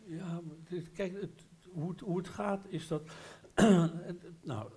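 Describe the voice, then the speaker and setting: An older Dutch man spins a lively, rambling story at a literary café, gesturing as he talks. He restarts his sentences and hesitates, then pushes on with real enthusiasm. He is miked on a headset on a bookshop stage. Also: sits high, slow pace. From Netherlands. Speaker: guest author. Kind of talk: live literary café talk. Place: bookshop stage before a live audience. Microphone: headset mic.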